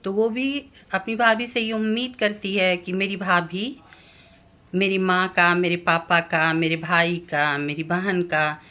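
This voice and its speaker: A woman vlogger giving calm advice on family relationships, speaking gently and explaining each point step by step. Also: on the low side. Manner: slow, gentle and explanatory, lists family members one by one. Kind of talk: calm advice talk to camera.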